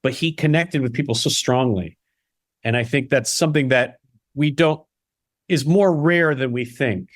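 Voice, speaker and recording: Animated man talking about his stage work. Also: mid-range voice, dry recording, studio quality. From Chicago area (Barrington). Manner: animated, quick, many restarts and "you know"s. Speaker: playwright and solo stage performer, guest. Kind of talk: casual interview conversation.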